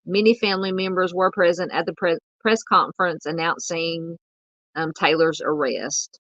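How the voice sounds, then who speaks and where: Low-voiced woman hosting a true crime stream. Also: steady tone, a bit bright, no room sound, dull audio. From American South. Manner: halting, many ums and uhs, restarts. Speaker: true crime livestream host. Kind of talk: casual livestream narration with chat reading.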